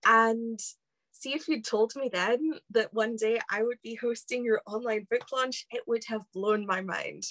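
A woman hosts a conversation over a video call. Her voice sits a little high, and it comes through dry and close, without room echo. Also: measured pace, a bit bright. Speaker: host of online book launch. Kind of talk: hosting an online conversation. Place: book-lined home room, indoors. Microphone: close to laptop on video call.

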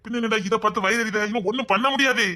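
A man's voice: high-pitched, fairly even intonation, racing, bright, forceful tone. An actor with a Tirunelveli Tamil accent playing a young man who mockingly needles his heartbroken friend in a comedy sketch. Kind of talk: comic sketch banter.

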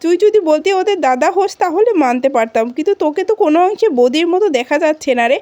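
A woman voicing a gang of bullying young male thugs in her own high, quick retelling voice. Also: expressive, warm tone, no room sound. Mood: threatening.

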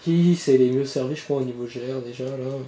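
A man hosts a channel where he opens trading card boxes, giving casual, chatty, rambling commentary with occasional swearing. His mid-range voice is warm and fairly quick, recorded in an echoey indoor room with birds audible outside.

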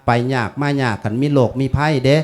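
Isan monk in his fifties, folksy and chatty at a funeral sermon, mid-pitched voice. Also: fairly quick. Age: 50s. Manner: folksy, chatty teaching with Pali chanting.

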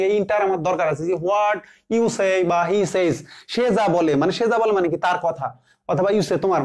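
A man teaching English grammar, slowly repeating example sentences word by word and answering his own questions. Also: sits high, darkish tone. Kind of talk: classroom grammar lesson.

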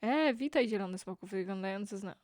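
A man's voice: high-pitched, brisk, no echo, clean studio sound, close to an everyday voice. A young man voicing an easygoing male friend from his teenage story in a casual, offhand way. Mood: friendly.

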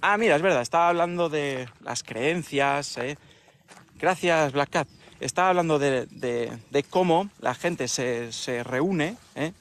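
A man hosting a casual livestream chat, talking in an animated way with rhetorical questions and mocking imitations. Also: fairly high pitch, unhurried, slight background noise. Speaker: livestream host.

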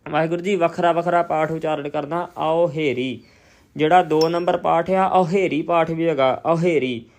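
A man teaching scripture recitation, chanting verses slowly and evenly, then explaining pronunciation points more quickly. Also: a little high, steady tone, vocal fry, darkish tone.

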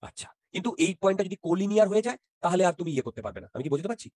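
A man's voice: sits high, expressive, very fast, dark tone, dry recording, studio quality. A man teaching physics in an interactive online class, often checking whether students follow and mixing in English terms.

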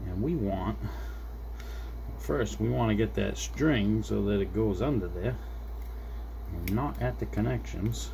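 He speaks a little slowly with a dark tone, a lower voice and vocal fry, pausing often. The middle-aged hobbyist repair creator is doing an unscripted, casual demonstration at a desk indoors, talking his thoughts through for viewers. Background noise and the room's ambience are audible.

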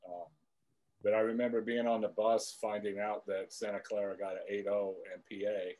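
A man's voice: fairly low pitch, little pitch movement, moderate pace, warm tone, rough recording. A man in his fifties, a former drum line member, candidly recalling events in a rambling, repetitive way. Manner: rambling, repeats words, candid. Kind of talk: casual reminiscing chat.

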